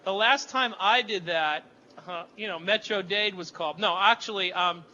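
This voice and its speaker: A man's voice: high-pitched, moderate pace, bright, forceful tone, muffled recording. A man hosting a radio show live from a club, chatting loosely and joking as he rambles. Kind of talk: casual on-air chat. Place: downtown club, live remote broadcast.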